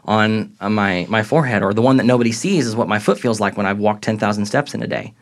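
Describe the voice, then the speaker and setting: A young man speaks in a somewhat low voice, sharing a personal faith testimony on a podcast. He talks in an earnest, reflective way, sometimes rising with excitement as he recalls moments. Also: fast talker. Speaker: podcast guest. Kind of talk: faith testimony in casual conversation.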